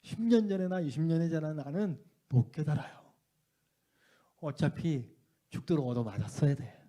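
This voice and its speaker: A man's voice: a little high, moderate pace. A middle-aged male pastor giving a revival sermon testimony, telling his story with raw emotion and dropping to near-tears. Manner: emotional confessional storytelling, swinging from loud outbursts to hushed near-tears. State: tearful at times.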